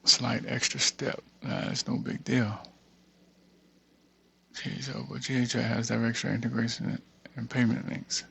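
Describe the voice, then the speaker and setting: An American man thinks aloud casually during a screen-share software tutorial, reading bits of text and muttering asides to himself. His mid-range voice is level in tone and unhurried, with vocal fry, a breathy edge, and frequent pauses.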